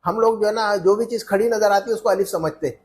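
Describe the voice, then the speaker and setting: A man's voice: high-pitched, fast talker, a little mellow, a little hiss or hum. A man teaching an Arabic lesson in Urdu, repeating phrases and checking that students follow.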